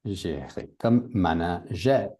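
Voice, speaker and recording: A man's voice: deep voice, expressive, slow, mellow. A man teaching a language class, patiently repeating words and adding English glosses for his students. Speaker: French teacher.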